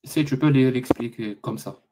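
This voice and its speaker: A man hosting a live online debate, pressing his guest with sarcastic rapid questions. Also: mid-range voice, noisy background. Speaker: debate host.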